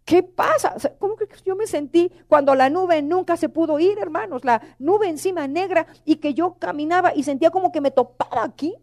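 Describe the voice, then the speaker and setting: A woman's voice: very high voice, fairly quick, few pauses, darkish tone. A middle-aged woman preaching a sermon, emotional and pleading, often calling out to the congregation.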